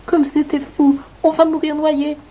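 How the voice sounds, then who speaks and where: Woman playing a timid male ant, stammering, very high flat voice, lo-fi storybook audio. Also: measured pace. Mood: frightened. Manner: stammering, fearful pleading.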